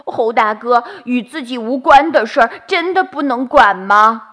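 A woman voicing a kind, meddling male goat who asks earnest, gentle questions in a bedtime story. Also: a little high, expressive, moderate pace, voice pushed up. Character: kindhearted meddling male goat, younger neighbor.

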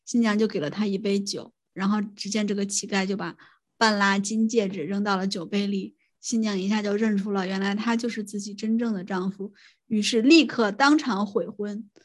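A woman with a middle-pitched voice tells a folk tale in relaxed conversation. She speaks softly and with a wry, easygoing tone. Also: normal speed. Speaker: podcast co-host. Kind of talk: casual storytelling chat.

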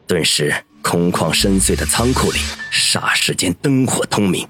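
A man narrating a story with steady storytelling in an audiobook. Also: low-pitched, measured pace, faint music behind. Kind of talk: scripted narration.

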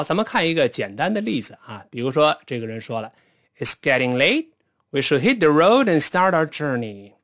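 A man teaching spoken English, patiently explaining pronunciation and modelling phrases slowly. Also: on the high side.

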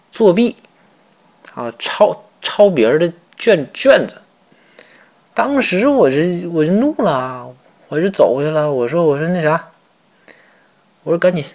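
A man voicing a tipsy male emperor who rambles and repeats himself in halting bursts. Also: mid-range voice.

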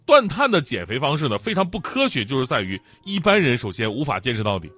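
A man's voice: medium pitch, sing-song, quick pace, breathy edge, no room sound. A man hosting a comic monologue in a chatty, joking way, with thick, swollen-tongued speech from a sore mouth. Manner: chatty, joking, laughs as they talk. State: mouth ulcer. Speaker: stand-up talk show host. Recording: dull lo-fi sound, faint music behind.

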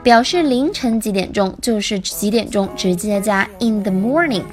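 A woman English teacher giving a spoken lesson, explaining phrases and repeating them slowly. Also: mid-range voice, animated, soft background music.

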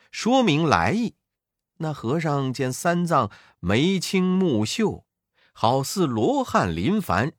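Male narrator, unhurried and highly animated, reading a storybook tale. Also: no echo, studio quality. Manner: expressive, rising and falling for effect.

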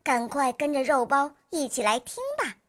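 A woman hosting a children's story show, greeting the little listeners in a bright, chirpy way. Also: high-pitched, moderate pace.

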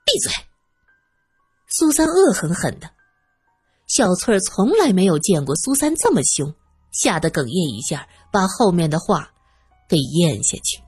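Woman reading an audiobook, really animated, husky, bit of music underneath. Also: fairly low pitch, normal speed. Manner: expressive, lively storytelling. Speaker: narrator. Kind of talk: serialized audiobook narration.

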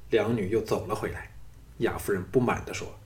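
A man narrating an audiobook in a dramatic, expressive storytelling style. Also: fairly low pitch, a little fast.

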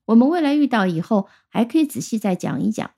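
Woman teaching English words, mellow voice. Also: a little high, very animated. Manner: explains clearly, spells out letters and sounds words out slowly. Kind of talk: recorded vocabulary lesson.

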